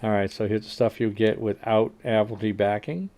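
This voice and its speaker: A livestream host with a fairly low voice reads game update notes aloud in casual commentary, his native English delivered flat at a normal speed. He trips over the numbers with fillers and restarts, then adds dry, wry asides that trail off into a quiet mutter.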